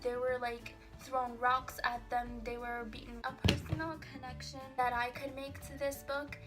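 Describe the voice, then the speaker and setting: Woman from pakistan, casual book review, flat level delivery, fairly high voice, lots of fillers, music underneath. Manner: informal, many fillers and pauses. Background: background music.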